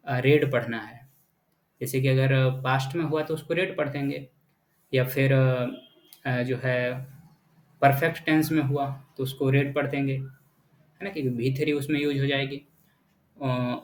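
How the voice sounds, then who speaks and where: Patient male teacher, echoey room. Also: mid-range voice. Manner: patient, repetitive, checks in with "right?". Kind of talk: explanatory lesson.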